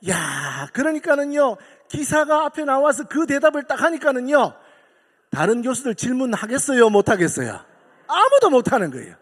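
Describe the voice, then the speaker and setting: A man's voice: very high voice, big pitch swings, moderate pace, a bit bright. A male pastor with a Gyeongsang accent, telling a story in a sermon and building to emphatic calls to the congregation. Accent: Gyeongsang Korean. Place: church sanctuary. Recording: long hall reverb of a church.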